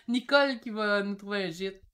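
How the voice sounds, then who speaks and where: A woman in her fifties with a Québécois French accent, chatting excitedly while reading viewer comments on her painting stream. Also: medium pitch, clear, resonant tone. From Quebec. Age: 50s. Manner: excitable and chatty, quick shifts in energy. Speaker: painting channel host. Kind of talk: casual livestream chat reading comments.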